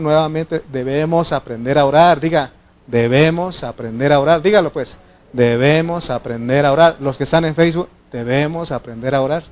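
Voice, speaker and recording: Mexican pastor preaching with rhetorical questions. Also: male voice. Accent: Mexican Spanish. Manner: conversational preaching with frequent rhetorical questions to the congregation; acts out quoted prayers and dialogue with sudden louder, higher bursts. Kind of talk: sermon.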